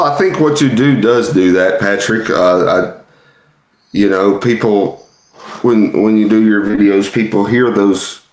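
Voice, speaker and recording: Low-voiced man in a roomy podcast chat. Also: darkish tone. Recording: roomy, echoey sound.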